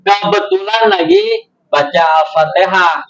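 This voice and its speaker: A man tells a religious lesson as a lively, slangy storyteller. His voice sits high, and he takes his time. The recording sounds dull and lo-fi. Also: unhurried, creaky. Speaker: religious teacher.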